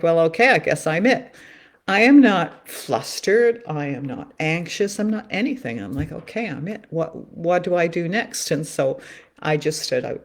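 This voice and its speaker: A woman talking on her own in a loose, earnest way, repeating phrases as she draws cards and muses. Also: low voice. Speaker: spiritual card reader. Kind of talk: musing solo livestream talk.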